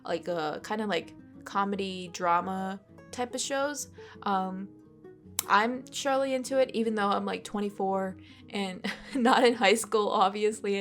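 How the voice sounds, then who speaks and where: A woman in her twenties who makes art vlogs talks loosely while drawing, swearing a lot and sounding stuffed up. Her mid-range voice moves at a measured pace, with soft background music, captured at home on a USB desk mic.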